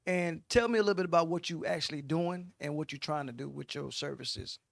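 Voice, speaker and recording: A man hosting a radio show in casual interview chat, loud and joking. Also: a little high, a little fast, gravelly, no echo. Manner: loud, joking, Southern US slang.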